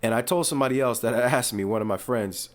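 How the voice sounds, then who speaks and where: A man hosting casual sports commentary, rambling and animated with frequent asides and restarts. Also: medium pitch, quick pace. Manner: uses fillers and restarts, talks casually.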